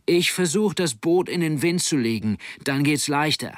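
A man voicing a determined teenage boy who shouts urgent orders while sailing in a storm. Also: mid-range voice, a little slow, creaky, husky, dry recording, studio quality, full character voice. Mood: urgent, shouting.

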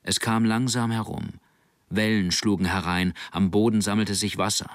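Low-voiced man reading a story. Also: dry recording, studio quality. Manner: steady, measured reading. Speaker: audiobook narrator. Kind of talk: scripted narration.

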